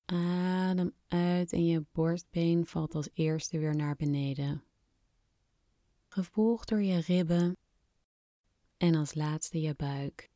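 Soft, slow, soothing woman guiding breathing. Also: fairly low pitch, fairly even intonation, no echo, studio quality. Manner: soft, soothing, unhurried instruction with long pauses. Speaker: breathing exercise guide. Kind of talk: guided relaxation exercise, scripted narration.

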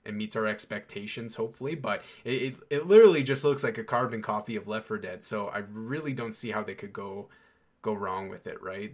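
Excitable rambling male podcast host. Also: fairly low pitch. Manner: rambling, enthusiastic, many fillers and restarts. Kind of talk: casual chat.

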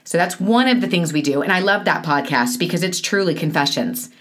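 A woman with a slightly low voice talks through a podcast as co-host. Her delivery is chatty and unscripted, full of quick asides. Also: a bit bright. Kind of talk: casual podcast chat.

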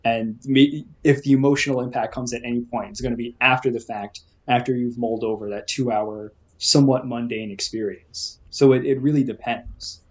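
A young man in relaxed podcast talk, voice sitting at an everyday middle pitch. He tells stories with animated emphasis and slips into the voices of people he quotes. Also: brisk, few pauses. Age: young adult. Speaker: podcast co-host. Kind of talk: casual chat.

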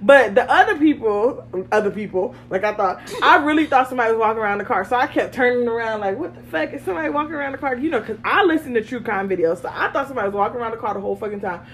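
A woman co-hosting a casual podcast, telling a story in an animated, profane way and acting out quotes. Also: a little high, rapid-fire, few pauses, slight background noise. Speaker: podcast co-host.

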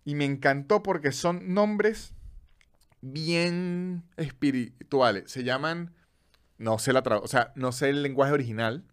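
Un hombre venezolano con acento venezolano, presentador de podcast, contando datos en charla informal y pausada a ratos. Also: male voice, mid-range voice, clear, resonant tone. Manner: chatty storyteller, slows down to list facts. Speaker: podcast host. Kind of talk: casual chat.

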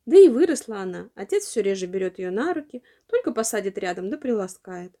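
Female storyteller for kids, animated and mellow. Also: medium pitch, brisk. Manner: expressive. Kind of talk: storybook narration.

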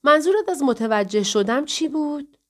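Woman reading as a shaky young woman who lost her memory, voice pitched up a bit, audiobook dialogue. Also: expressive. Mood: uneasy. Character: young woman with amnesia, uneasy, quick-tempered.

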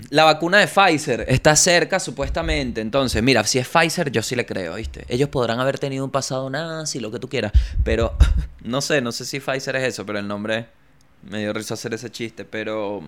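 A man's voice: medium pitch, moderate pace, a bit bright. Joking young man, podcast host. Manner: playful, joking, slangy, shifts into bits and impressions. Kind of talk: casual comedic podcast chat.

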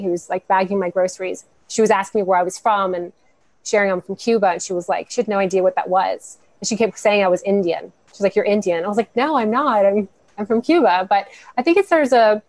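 A woman's voice: mid-range voice, darkish tone, dry recording. Cuban-american woman on a podcast, earnest and upbeat, long rambling answers, dry close sound. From United States, Cuban family. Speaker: guest, founder of a women's network. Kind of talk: podcast interview.

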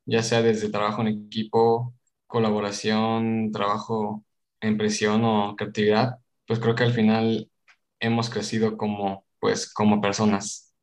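A young man on a student podcast, talking casually and reflectively in a tentative, hedging way. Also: fairly low pitch. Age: young adult.

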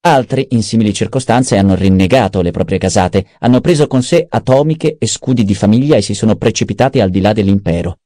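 A man's voice: on the low side, lively intonation, brisk, hardly any pauses, dark tone, no echo, studio quality, pitched above the performer's own voice, lightly acted. A man voicing a cunning, self-satisfied male adviser in an audiobook, eager and precise. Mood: scheming. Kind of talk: audiobook character voice.

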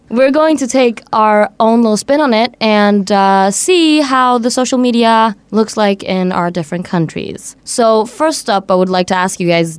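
A woman's voice: mid-range voice, no echo. A woman hosting a radio program in a casual, conversational style, asking guests questions. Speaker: radio host. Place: radio studio.

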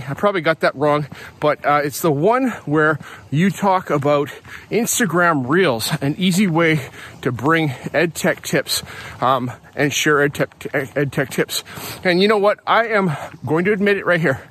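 Man, podcast host, fairly high voice, rambling outdoor diary, faint outdoor hiss behind. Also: a bit bright. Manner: chatty, rambling, self-correcting. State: out of breath. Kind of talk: casual outdoor audio diary. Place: outdoors on a hill at dawn.

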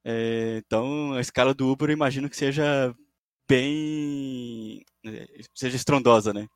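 Man, Brazilian Portuguese accent, medium pitch, dry close sound, casual podcast co-host. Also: fairly even intonation, measured pace, no echo.

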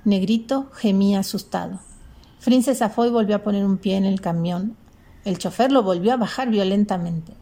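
A woman narrating a storybook in a measured, expressive way. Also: medium pitch. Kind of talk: storybook reading.

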